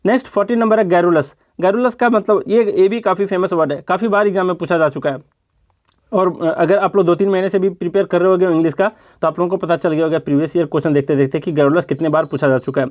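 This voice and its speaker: Higher-voiced man teaching vocabulary. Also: steady tone, fast, a little mellow. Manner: explains step by step, repeating words and asking rhetorical questions. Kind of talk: exam-prep vocabulary lesson.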